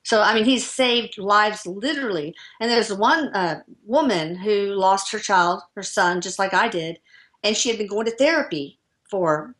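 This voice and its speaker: A woman's voice: medium pitch, unhurried, fairly bright tone. A woman speaking as a guest author, telling stories enthusiastically in casual chat with frequent fillers.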